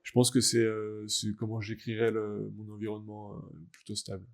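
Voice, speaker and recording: A young adult French man, a guest athlete in a casual interview, talking in a halting, reflective way as he searches for words. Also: lowish voice, completely flat delivery. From France. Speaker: guest, wheelchair rugby athlete.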